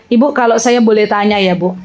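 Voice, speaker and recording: A middle-aged woman, teaching religion to a women's audience in a lively, teasing way and questioning listeners. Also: mid-range voice, fast talker, muffled recording, soft background music. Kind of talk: interactive religious talk with audience.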